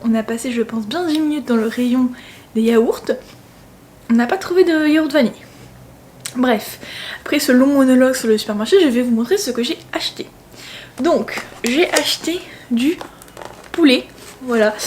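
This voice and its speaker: Young woman vlogging, talks fast and playful, pitch a bit high, slight hiss behind. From France. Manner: chatty, animated storytelling, playful asides. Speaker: travel vlogger. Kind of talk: casual vlog chat.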